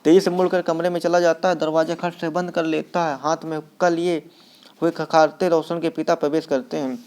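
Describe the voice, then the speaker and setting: Male teacher-narrator for a play reading, slightly high voice, steady. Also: brisk, clean tone. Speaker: literature teacher. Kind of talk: dramatic reading of a one-act play.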